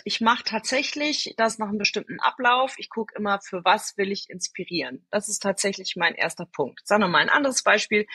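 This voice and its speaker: A woman guest in a podcast interview, telling personal stories in a lively way, answering her own rhetorical questions and speaking straight to the listener. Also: medium pitch, husky. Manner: addresses the listener directly. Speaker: storytelling guest.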